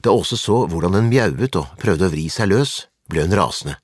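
Male storybook narrator, husky, lively intonation, dry close sound. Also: low-pitched, no echo. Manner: calm, measured narration. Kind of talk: storybook reading.

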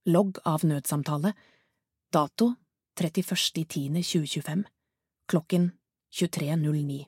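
A woman narrating a thriller audiobook in a measured, hushed manner. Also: deep voice, slightly rough, no echo, clean studio sound. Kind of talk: scripted narration.

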